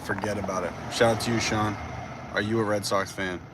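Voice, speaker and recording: Rambling twenty-something man, low voice. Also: brisk, background noise. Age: 20s. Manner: rambling, animated, says bro a lot. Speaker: livestreamer. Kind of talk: casual livestream chat. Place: driving through a city at night.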